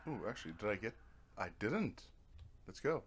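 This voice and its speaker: Streaming a game, this man offers loose, wandering commentary in an expressive, lowish voice at moderate speed, often muttering to himself with playful filler words. A nearby TV showing Netflix is clearly audible behind him.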